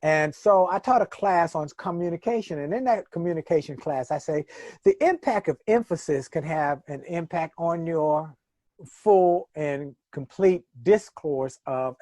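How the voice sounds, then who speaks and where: A middle-aged man tells stories in a rolling, preacher-like cadence, leaning hard on stressed words and repeating key phrases. His voice sits a little high for a man. The sound is close and dry. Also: unhurried, no room sound. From Washington, D.C. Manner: emphatic, preacher-like cadence with dramatic stresses and repetition. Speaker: motivational speaker, interview guest. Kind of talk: conversational interview storytelling.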